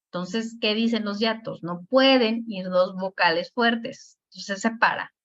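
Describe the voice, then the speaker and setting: A woman with a Mexican accent teaching a spelling lesson, explaining patiently and drawing out words slowly to show the stress. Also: mid-range voice, fairly bright tone. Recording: dull lo-fi recording.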